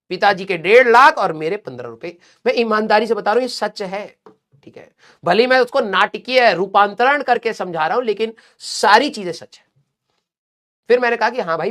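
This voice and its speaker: A man, a teacher for exam students, telling a motivational story in an exasperated, animated way with many asides. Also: high voice.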